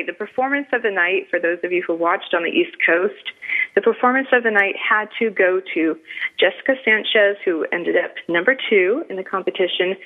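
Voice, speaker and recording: A woman with a northern US accent hosting a radio talk show, chatting in a chatty, excitable, gushing way. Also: mid-range voice. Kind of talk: casual radio show chat. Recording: phone-like narrow sound.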